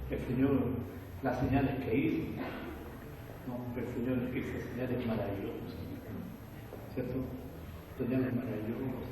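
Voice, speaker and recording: A male pastor preaching a sermon, repeating phrases and asking his congregation "right?", swinging from quiet, low musing to loud exclamations. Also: slight background noise. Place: church hall. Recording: echoey hall, distant mic, congregation audible.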